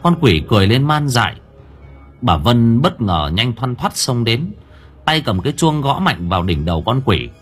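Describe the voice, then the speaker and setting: A man narrating a ghost story audiobook in an expressive, dramatic way. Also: medium pitch, moderate pace, husky. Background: soft background music.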